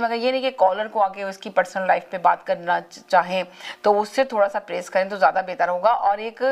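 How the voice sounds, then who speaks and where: A woman hosts a live call-in talk show, her easy to hear. She talks at length to her viewers, circling back and restarting phrases as she asks them to keep their words polite. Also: medium pitch. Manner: repeats and restarts phrases while urging callers to speak politely.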